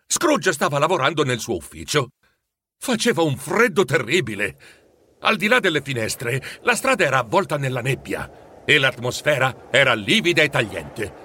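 A man narrating a storybook in an expressive, animated way. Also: medium pitch, breathy edge, dry recording.

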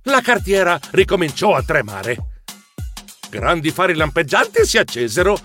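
A man reads a children's adventure in an animated, dramatic style. His pitch runs high and swings widely with every turn of the story, while soft music plays behind him. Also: moderate pace. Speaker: audiobook narrator. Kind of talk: expressive storybook narration.

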